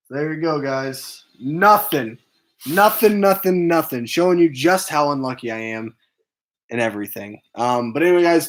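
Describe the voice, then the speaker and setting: A man hosting a casual game stream for his movie channel, rambling with lots of ums and restarts and sounding tired. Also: medium pitch. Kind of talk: casual gaming stream chat.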